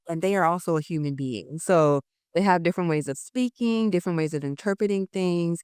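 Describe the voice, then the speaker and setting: A woman therapist speaking as a podcast guest, measured and thoughtful as she explains. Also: lowish voice, smooth, no echo, studio quality. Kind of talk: casual chat.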